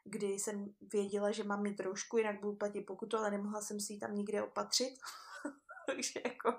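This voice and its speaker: A woman's voice: mid-range voice, flat delivery. A young woman telling a travel story in casual chat, with frequent laughs and lots of fillers. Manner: chatty, laughs often, many fillers. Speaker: guest.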